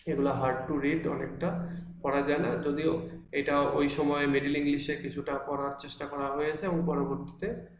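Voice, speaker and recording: A man's voice: fairly high pitch, flat delivery, moderate pace, slight background noise. A male teacher giving an online class from an empty room that echoes, explaining patiently with frequent fillers and restarts. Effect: echo from an empty room. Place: large, mostly empty room.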